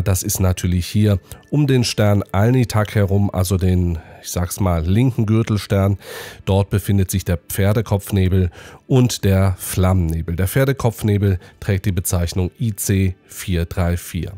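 A middle-aged man hosts an astrophotography channel from his home study, presenting casually and with lively animation at his desk as he previews the sky and runs a prize draw. A cold leaves his lowish, dark voice hoarse and nasal. The recording is dry.

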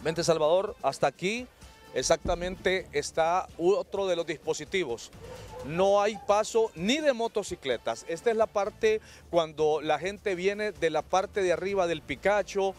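A man's voice: sits high, a little slow, faint music behind. A man with a Honduran accent reporting live from the street and putting questions to residents. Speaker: field reporter. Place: outdoors on a street. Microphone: handheld microphone.

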